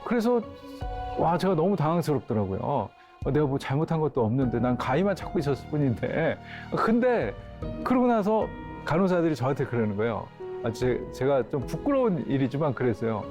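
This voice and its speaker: Man, pastor, storytelling lecture, animated delivery, acts out dialogue, background music. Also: medium pitch, fairly quick. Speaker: pastor and grief counselor.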